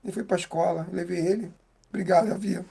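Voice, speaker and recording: A man with a Brazilian Portuguese accent giving a heartfelt, halting faith testimony as an interview guest. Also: high voice, fairly even intonation, creaky, dark tone, breathy edge.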